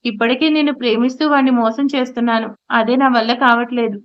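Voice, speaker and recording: A woman's voice: fairly high pitch, steady tone, fast talker, close to an everyday voice. A woman voicing a torn young man in an audio story, speaking defensively and pleadingly. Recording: slightly muffled audio.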